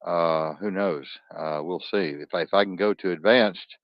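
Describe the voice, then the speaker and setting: A man's voice: sits low, normal speed, dry recording, muffled recording. A man hosting an online talk stream, tired, rambling and profane, barking orders at his producer.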